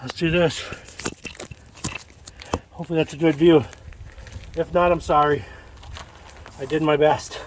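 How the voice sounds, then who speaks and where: Relaxed man talking to himself while working. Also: a little high, unhurried, pauses often, a little hiss or hum. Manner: relaxed, talks to himself while working, breathes hard from effort. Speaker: DIY builder vlogging his project. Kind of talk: casual self-narration while working.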